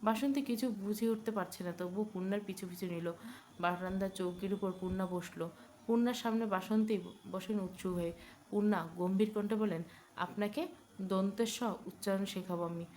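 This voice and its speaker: A woman narrating a romance novel, reading the characters' lines with slowed, stressed delivery. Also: mid-range voice, a little mellow, a little hiss or hum. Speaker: storyteller. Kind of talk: scripted narration of a romance novel with voiced dialogue.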